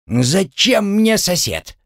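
A man voicing a tiny, hot-tempered male curse-master creature who squeals and drags out his yells. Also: sing-song, creaky, no echo, studio quality, heavily acted. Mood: indignant. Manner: shrill, squealing, drawn-out yelling.

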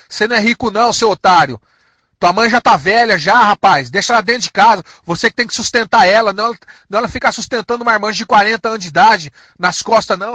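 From São Paulo, Brazil, this man speaks with the city's Portuguese accent in a high, sharp-toned voice, recorded without echo. His rant is angry and insulting, and he threatens repeatedly, dragging each threat out aggressively.

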